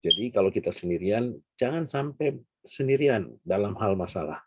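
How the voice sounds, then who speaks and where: A man's voice: fairly low pitch, animated, moderate pace, noisy background. A man hosting an online church service, reflecting on the sermon and encouraging the listeners, heard over a video call. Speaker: service host. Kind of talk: affirming moderation of an online service. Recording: dry muffled video call audio.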